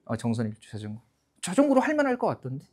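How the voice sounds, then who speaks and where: A man's voice: medium pitch, rapid-fire. A man in his fifties lecturing a class of exam-takers, chatty, checking in with the room and acting out students' lines. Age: 50s. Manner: animated, acts out students in put-on voices.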